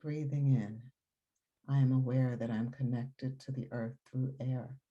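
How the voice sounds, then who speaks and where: On a lo-fi recording, a woman with a bass voice leads a guided meditation. Her delivery is soft and breathy, calm, soothing and unhurried, with long pauses.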